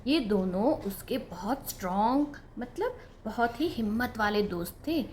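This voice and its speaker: Slow expressive woman storyteller for kids. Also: on the high side, slight background noise. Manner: slow, simple expressive telling. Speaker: children's storyteller. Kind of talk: puppet story narration for kids.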